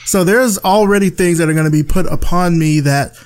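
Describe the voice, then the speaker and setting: A man's voice: high voice, a little fast. A man from rural Alabama, a podcast guest speaking candidly in casual conversation, often restarting his sentences. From rural Alabama, USA. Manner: candid, thoughtful, frequent restarts.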